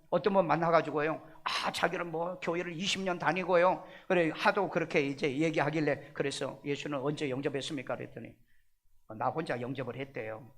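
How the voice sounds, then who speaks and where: High-voiced man preaching an emphatic sermon. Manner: emphatic preaching full of rhetorical questions to the congregation; swings between loud stressed phrases and hushed asides. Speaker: pastor. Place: church sanctuary.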